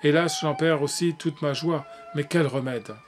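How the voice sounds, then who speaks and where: An honorable young man, torn between love and his brother, answers earnestly in a storybook reading, voiced by a man. The voice is grave and slightly high. Soft music runs underneath. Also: fairly even intonation, measured pace, close to an everyday voice.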